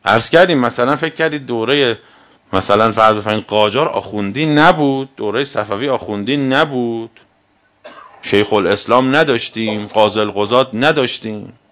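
A man giving a religious lecture as a cleric, arguing with rhetorical questions and swinging between loud emphasis and quiet asides. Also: mid-range voice. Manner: argumentative, asks rhetorical questions.

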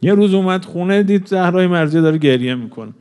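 A man's voice: sits high, lively intonation, clear, resonant tone. Man preaching an emotional mourning sermon. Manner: emotional, swells louder then drops to a hush; draws out recited lines slowly. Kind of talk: mourning sermon with chanted verses.

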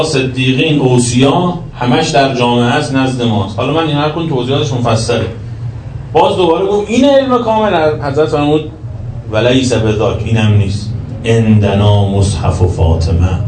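A man giving a religious sermon, shifting between emphatic raised lines and quiet lowered passages. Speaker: cleric lecturing. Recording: roomy echo, distant from the mic, faint background noise.

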